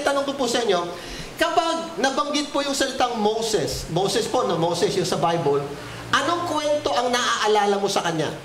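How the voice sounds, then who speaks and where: A man's voice: high voice, a bit bright, a little hiss or hum, rough recording. A man with a Filipino accent preaching an interactive Sunday sermon, calling on members by name and joking with them. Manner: calls on congregation members by name, jokes, asks questions; polite Tagalog with frequent po and ho. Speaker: pastor.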